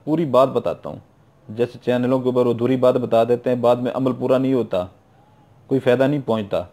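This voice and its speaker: A middle-aged man with a Pakistani Urdu accent, talking through instructions in a loose, repetitive way. His voice is mellow and dark in tone, at an ordinary pitch for a man. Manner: repetitive, informal, keeps adding "theek hai na". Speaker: YouTube occult practitioner. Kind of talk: casual spoken instruction.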